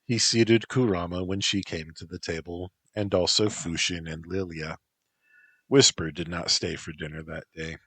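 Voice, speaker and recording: A man narrating a story in a measured, even reading. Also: deep voice, breathy edge, no room sound.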